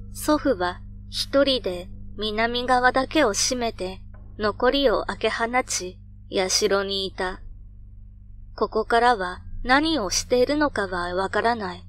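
A woman reading a scripted ghost story in a measured storytelling manner. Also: fairly high pitch. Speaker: narrator of horror stories. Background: background music.

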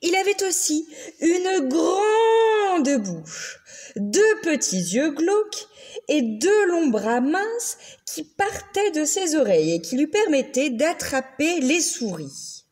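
A woman reading a children's picture book aloud, slow and very expressive. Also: high-pitched. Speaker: children's story reader.

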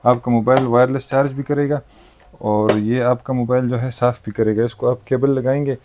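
Male shopkeeper, mid-range voice, brisk polite sales patter in a market shop with a faint noise floor. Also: mid-range voice, fairly even intonation, darkish tone. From Pakistan. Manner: brisk salesman patter, frequent "thik hai" and "janab-e-wala". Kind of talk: product demonstration sales pitch.

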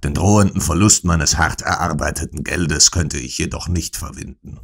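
A man voicing a cold, hard-hearted older moneylender who talks in a gruff, irritated way in an audiobook. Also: extremely low pitch, moderate pace, heavily acted. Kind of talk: audiobook character voice.

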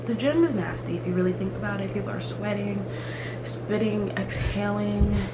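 A woman's voice: medium pitch, moderate pace. A young woman vlogging in casual chat, emphatic and chatty with lots of fillers, in a small room. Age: young adult. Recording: loud room ambience noise.

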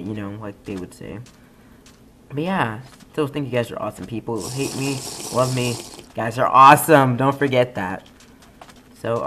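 A young man talks loosely over his gameplay, drifting from muttered asides into excited shouts. His pitch leaps around a lot, giving him a lively, restless delivery. It sounds like a home gaming mic, with a faint hiss underneath. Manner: rambling, excitable, swings between mumbling asides and sudden yells. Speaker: gaming YouTuber. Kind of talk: casual let's-play commentary.

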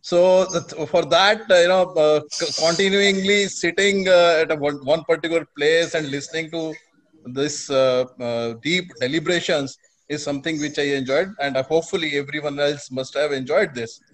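A man's voice: on the high side, steady tone, normal speed, poor audio. An older man with an Indian accent giving an informal, hesitant vote of thanks on a video call. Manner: hesitant, rambling. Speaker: webinar participant giving thanks. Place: living room at home, video call. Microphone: wired earphones.

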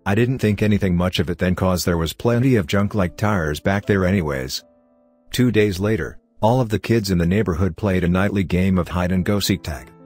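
Speaking with a very deep voice, a man recounts horror stories in a measured, even tone over gentle background music that is barely audible.

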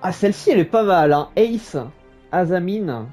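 Mellow, higher-voiced man commenting on a game. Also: normal speed. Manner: musing aloud, informal. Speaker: gaming video host. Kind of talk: casual gameplay commentary. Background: soft game music.

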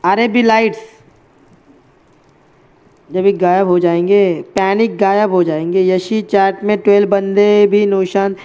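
Male streamer, casual running commentary to chat, muffled low-fi sound. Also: steady tone, measured pace, long pauses, warm tone, clean tone. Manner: chatty, addresses chat and friends as bhai. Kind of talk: casual live game commentary.

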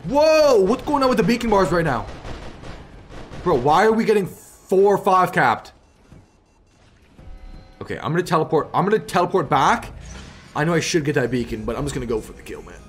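A fairly high-voiced man commentates his game like a hyped gamer bro. He talks in excitable exclamations and repeated phrases, with music playing underneath. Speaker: gaming video host. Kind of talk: live gameplay commentary.

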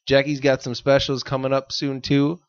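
Chill dude on a gym podcast, mid pitch, kinda muffled lo-fi sound, dry room. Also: male voice, completely flat delivery, normal speed, smooth, no echo. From United States. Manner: laid-back, rambling, laughs often. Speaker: podcast co-host. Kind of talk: casual chat. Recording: dull lo-fi audio.

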